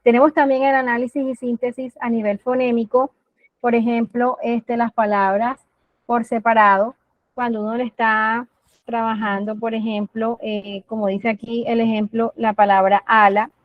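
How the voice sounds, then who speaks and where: A woman's voice: a little high, little pitch movement, no echo, highs cut off. Woman, speech therapist, patient teacherly explaining, dry close sound. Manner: patient, teacherly, models words slowly for children. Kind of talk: explanatory talk on language therapy.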